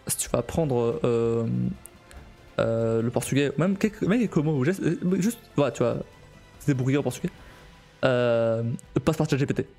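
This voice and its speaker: A male streamer in casual live-stream chat, talking in a halting way with many restarts and frequent laughs. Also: medium pitch, expressive, dark tone, faint music behind.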